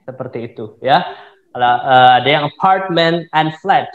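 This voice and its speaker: A man's voice: fairly high pitch, moderate pace. A man as the invited speaker, patiently explaining an answer and mixing English terms into his talk, heard over a video call. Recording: echoey, dull video-call audio.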